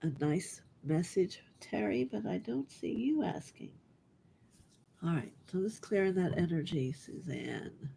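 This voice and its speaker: A middle-aged woman giving a live online spiritual reading to her callers. She speaks softly and gently, often dropping into a breathy half-whisper. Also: lowish voice, animated, measured pace, slight background noise. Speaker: spiritual reader.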